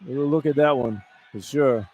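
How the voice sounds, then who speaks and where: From a college basketball arena, with its ambience running under the live radio feed, a male color analyst chats through the plays and keeps repeating his phrases. He speaks at normal speed in a medium-pitched, darkish voice.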